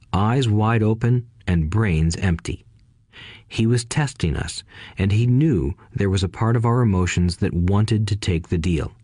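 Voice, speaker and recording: Low-voiced man reading an audiobook. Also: darkish tone, no echo, studio quality. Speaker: narrator. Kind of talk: audiobook narration.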